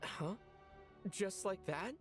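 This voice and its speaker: A woman's voice: mid-range voice, takes it slowly, soft background music, natural voice. A woman voicing a cautious, concerned young traveler in a fantasy video game, questioning and considerate. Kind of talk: video game story dialogue.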